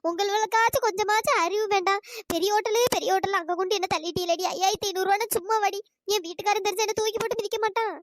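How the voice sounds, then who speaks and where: A wailing woman, squeaky and fast. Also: fairly even intonation, no room sound. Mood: scolding. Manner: wailing, complaining, sharp-tongued. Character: village woman who overpaid a hotel bill, lamenting and scolding. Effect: pitch-shifted voice. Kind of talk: cartoon storytelling voice acting.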